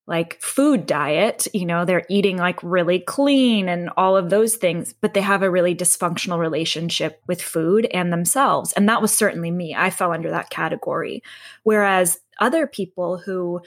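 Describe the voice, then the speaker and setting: A woman's voice: on the low side, moderate pace. A woman guest in a conversational interview, speaking reflectively with frequent fillers and restarts. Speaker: podcast guest, health coach.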